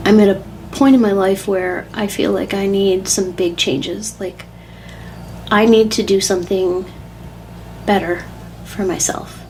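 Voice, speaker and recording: A woman speaking haltingly and candidly in a confessional personal vlog, sounding upset and tearful. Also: medium pitch, steady tone, darkish tone, a little hiss or hum, low-quality recording. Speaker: weight-loss vlogger.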